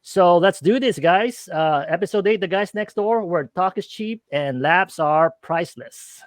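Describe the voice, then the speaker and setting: Clean studio sound with no echo captures a high-pitched man speaking at a measured pace. He's a middle-aged co-host with a Filipino accent on a casual streamed talk show, upbeat in mood but hesitant, leaning on many fillers.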